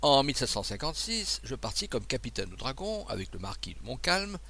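A man's voice: mid-range voice, very animated, fairly quick, creaky, pushed and bright, exaggerated voice. A man reading the part of a confident naval officer who teases his friend and tells his adventures with assurance. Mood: recounting. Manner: assured, teasing, storytelling. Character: confident male naval officer, brisk and teasing. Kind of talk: audiobook dialogue.

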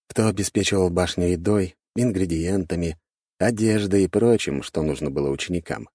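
A man narrating an audiobook with expressive storytelling. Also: low-pitched, dry recording, clean studio sound.

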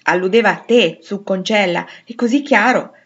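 A woman voicing a blunt, tomboyish teenage girl, brisk and emphatic. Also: mid-range voice, fairly bright tone, husky, highs cut off. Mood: brusque.

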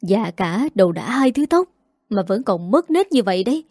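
A woman voicing an older village mother who wails and scolds harshly, in a dry mellow voice. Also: mid-range voice, sing-song, moderate pace, no echo. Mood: lamenting. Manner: wailing, scolding, harsh-tongued.

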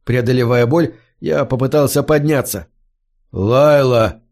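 Guy reading a fantasy novel aloud, steady and measured. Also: medium pitch. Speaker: audiobook narrator. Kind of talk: scripted storybook narration.

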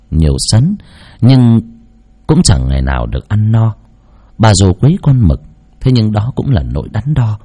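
A man narrating a heartfelt village story in slow, scripted storytelling. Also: lowish voice, warm tone.

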